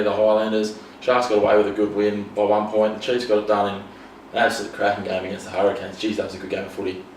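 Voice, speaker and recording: A man hosting a casual sports chat, laid-back and fond of saying mate. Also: on the low side. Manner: quick, laid-back, says mate a lot. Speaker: sports podcast host. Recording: roomy, distant mic, faint noise.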